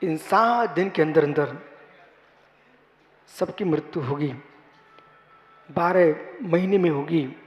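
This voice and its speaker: A man, a Jain monk, giving a sermon, repeating his phrases and building to loud, emphatic exhortation. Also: a little high, slow pace, long pauses. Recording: reverberant hall.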